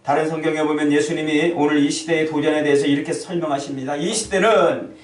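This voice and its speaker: A middle-aged man preaching a lively Sunday sermon, often acting out the voices of the people he quotes. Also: fairly high pitch, fast. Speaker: pastor. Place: church sanctuary. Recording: echoey church hall, distant mic.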